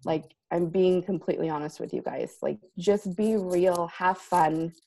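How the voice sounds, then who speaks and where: A woman's voice: on the low side, a little slow, creaky, dark tone. A woman on a group video call, chatty and upbeat, often saying "like" as she shares tips. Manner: chatty, says like a lot. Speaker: consultant sharing tips. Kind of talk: casual group call talk.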